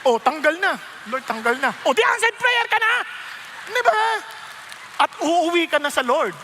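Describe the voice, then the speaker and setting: Bright high-voiced pastor preaching. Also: male voice, moderate pace, a little hiss or hum. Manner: animated, joking, code-switching into English. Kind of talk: sermon. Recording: long hall reverb.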